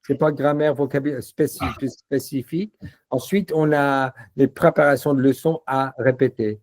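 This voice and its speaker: A man demoing a language-learning platform in a casual walkthrough, relaxed and full of fillers. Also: mid-range voice, moderate pace. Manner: relaxed, repeats words, many fillers.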